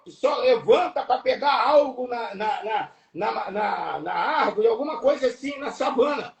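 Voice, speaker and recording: A man with a Brazilian Portuguese accent preaching an impassioned sermon, emphatic and repetitive, breaking into shouts. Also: very high voice, highs cut off. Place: church or live stream hall. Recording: echoey room, voice from far off.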